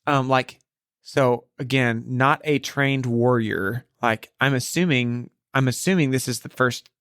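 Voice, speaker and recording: A man co-hosts a church podcast in a relaxed Bible study chat. He thinks out loud, full of "like" and "um", at a middle pitch for a man. The sound is dry and close. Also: measured pace, no room sound. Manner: thinks aloud, many fillers. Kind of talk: casual Bible study discussion.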